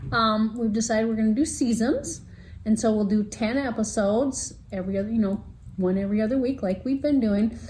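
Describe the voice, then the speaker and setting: A woman co-hosting a podcast, chatting in an animated, teasing way and laughing often. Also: on the high side, normal speed, a little hiss or hum. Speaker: podcast co-host. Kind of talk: casual chat.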